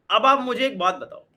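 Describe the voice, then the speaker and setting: A young Indian man teaches an energetic exam-prep lesson mixing Hindi and English, asking questions and then answering them himself. His voice is high-pitched, pushed and bright.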